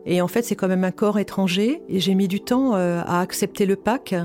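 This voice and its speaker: A woman's voice: mid-range voice, moderate pace, a little mellow, soft background music. A woman in her fifties candidly recounting her experience as a patient, in an earnest personal testimony. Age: 50s. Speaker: patient sharing her cancer story.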